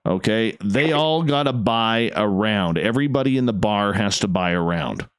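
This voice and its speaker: A man's voice: lowish voice, animated, normal speed, clean tone, no echo. A man hosting a casual late-night radio show, effusive and emphatic, often repeating his phrases.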